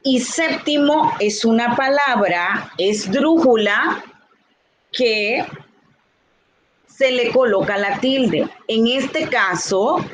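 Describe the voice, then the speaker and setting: Woman teacher, fairly high voice, very slow and careful, faint hiss behind her. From Dominican Republic. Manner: slow, deliberate, repeats key points. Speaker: Spanish teacher. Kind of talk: recorded grammar lesson.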